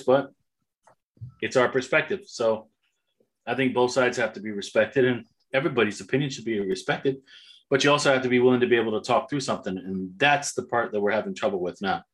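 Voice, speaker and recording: A man's voice: medium pitch, fairly bright tone. Rambling, sweary man in casual talk. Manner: rambling, profane, acts out imagined dialogue. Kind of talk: casual opinionated chat.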